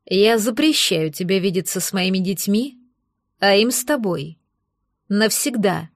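A woman voicing a stern, weary male werewolf pack leader, slow and weighty. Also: mid-range voice, lively intonation, no room sound, studio quality.

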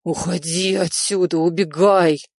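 A woman voicing a terrified man in hiding, pleading slowly to himself. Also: lowish voice, fairly even intonation, a little mellow, no echo, clean studio sound.

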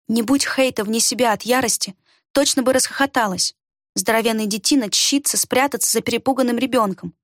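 Female audiobook narrator, expressive, fairly high, dry booth sound. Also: no room sound. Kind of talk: scripted fantasy narration.

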